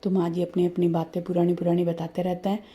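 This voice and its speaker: A woman's voice: on the low side, monotone, fast, mellow. A woman chatting casually through her home vlog, narrating her chores as she works in her kitchen and living room. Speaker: home vlogger. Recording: echoey room with faint background hum.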